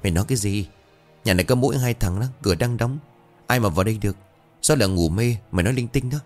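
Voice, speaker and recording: A man voicing a blunt, brash young man who scolds his friend quickly and gruffly. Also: on the low side, a little mellow, faint music behind, close to an everyday voice. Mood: irritated. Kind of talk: storytelling dialogue.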